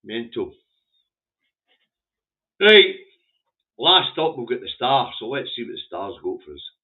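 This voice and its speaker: A native Scots speaker with a broad Scottish accent vlogs about the day's newspaper front pages, his commentary casual, opinionated, blunt, sweary and rambling. His mid-range voice swings widely in pitch at a brisk pace. The recording is muffled and narrow-band, like a phone line.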